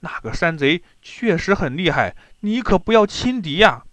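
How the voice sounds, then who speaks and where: A man's voice: high-pitched, sing-song, normal speed, fairly bright tone, no room sound. A man doing an earnest, worried general. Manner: urgent, earnest.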